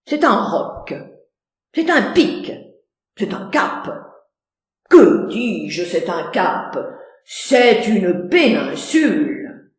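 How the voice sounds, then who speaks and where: A woman's voice: on the high side, big pitch swings, slow, very echoey. A woman playing a proud, mocking theatrical swordsman, declaiming verse like a hammy stage actor. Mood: grandiose.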